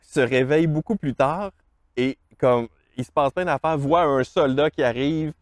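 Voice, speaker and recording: Excitable man with a high voice. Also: moderate pace, dry recording, clean studio sound. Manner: excited, breathless storytelling. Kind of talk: animated retelling of a film.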